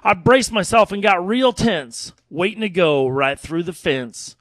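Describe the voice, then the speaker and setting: American guy doing folksy cowboy drawl, kinda high voice, storytelling style, real dry studio sound. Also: expressive, unhurried, a bit bright, dry recording. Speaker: cowboy poet, radio guest in a cowboy persona. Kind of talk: animated cowboy storytelling and folksy radio chat. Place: radio studio.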